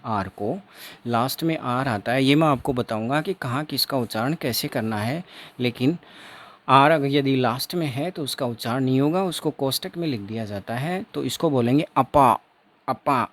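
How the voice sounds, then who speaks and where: A man's voice: medium pitch, normal speed. A man teaching an exam-prep phonetics lesson, repeating each sound and example several times.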